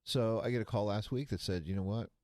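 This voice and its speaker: This man, in his sixties, has a fairly low, darkish voice and a quick pace. He co-hosts a financial talk show in a casual way, with folksy, rambling asides, heard in studio quality with no room sound.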